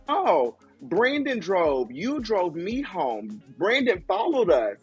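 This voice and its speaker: Man, podcast host, husky, a bit high, casual chat, gushing. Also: extremely slow, dull audio, faint music behind. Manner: gushing, animated storyteller.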